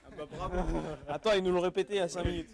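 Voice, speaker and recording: A man's voice: high-pitched, fast talker, gravelly, a crowd in the background. A man hosting a stage event, introducing a team in a light, teasing way. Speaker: event host.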